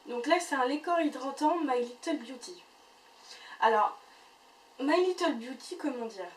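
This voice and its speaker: A woman's voice: high-pitched, lively intonation, a little slow, echoey room. Woman rambling through a beauty box review, lots of euh, faint hiss in the back. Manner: chatty, full of fillers and restarts. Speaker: beauty vlogger. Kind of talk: casual unboxing review. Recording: voice a bit far from the mic, faint noise.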